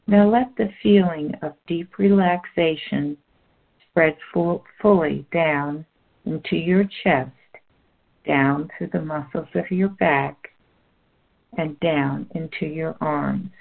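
A relaxation guide talks you through a body-relaxation script at an unhurried, drawn-out pace. The voice carries a gravelly, fry-laced texture, and the whole recording sounds thin and tinny, like it's coming down a phone line. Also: medium pitch. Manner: slow, soothing, instructional.

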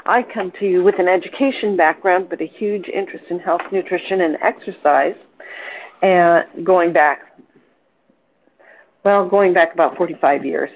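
An older woman from Portland, Oregon hosts a wellness support call, coaching informally in a cheerful, chatty way full of fillers and self-corrections. Her voice is fairly low with a breathy edge, at a moderate pace. It's a phone-line conference call recorded through a telephone.

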